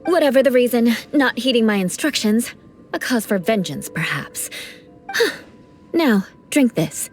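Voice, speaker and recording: In a video game cutscene, a woman voices a proud, formal young noblewoman knight who mentors with dry, teasing remarks. Her voice is on the high side with lively intonation and a measured pace, and her manner is cool, haughty and dryly teasing. Faint music plays behind her.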